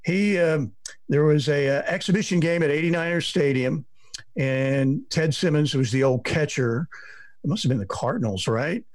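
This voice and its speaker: A middle-aged sports reporter tells rambling stories in a casual podcast chat, acting out what people said. His voice is a little high at normal speed, in a dry recording.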